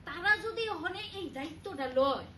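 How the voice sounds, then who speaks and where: A woman's voice: extremely high pitch, expressive, brisk, bright, forceful tone, heavily acted. A woman playing a blunt, worried older village woman. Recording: echoey hall from far off, faint noise.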